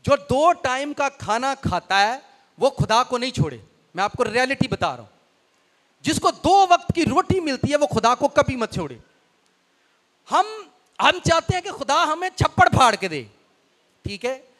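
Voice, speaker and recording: High-voiced Punjabi-accented pastor preaching. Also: male voice, measured pace, long pauses. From Pakistan. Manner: lively preaching, switches into folksy Punjabi asides. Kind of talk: sermon.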